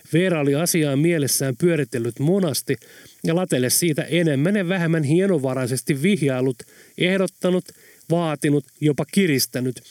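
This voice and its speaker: A man's voice: a little high, darkish tone, dry recording. Man narrating an audiobook, dry sound.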